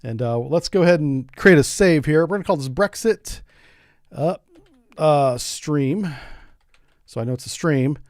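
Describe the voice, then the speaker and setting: A man's voice: fairly high pitch, lively intonation, a little slow, long pauses, darkish tone, dry recording, studio quality. A middle-aged man from the United States streaming a game in a casual, rambling, joking way, often repeating words as he goes. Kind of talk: casual gameplay commentary.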